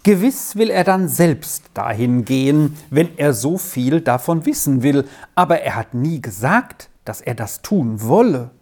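A woman's voice: very deep voice, sing-song, unhurried, few pauses, a little mellow, heavily acted. Woman playing an earnest young schoolboy. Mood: thoughtful. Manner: earnest explaining.

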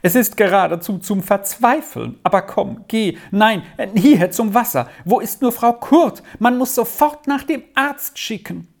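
A storyteller voicing a fretful aunt who wails and laments loudly in a high voice. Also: lively intonation, a little slow. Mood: lamenting. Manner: high, loud, wailing. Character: fretful wailing aunt, woman, middle-aged.

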